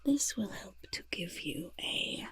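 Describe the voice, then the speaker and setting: Speaking in a mid-range voice, a woman slowly and animatedly performs a heavily acted goblin potion-maker for a soft-spoken ASMR roleplay. The creature fusses and mutters, repeating words in a breathy, creaky half-whisper, sounding pleased and delighted, and there's no echo.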